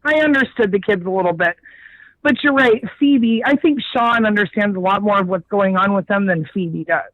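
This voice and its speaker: A woman's voice: medium pitch, moderate pace. A woman guest on a podcast, chatting casually about a film and thinking aloud, with easy laughs. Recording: dull lo-fi sound.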